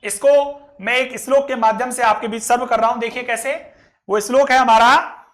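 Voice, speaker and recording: Bright-voiced male grammar teacher. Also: very high-pitched, fairly even intonation. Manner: recites verses slowly, then explains them. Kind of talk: online grammar lesson.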